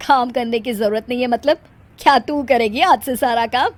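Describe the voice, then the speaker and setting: A woman's voice: fairly high pitch, moderate pace, lightly acted. A woman voicing a weary, wry, grumbling older mother-in-law in a moral story. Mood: wry, surprised.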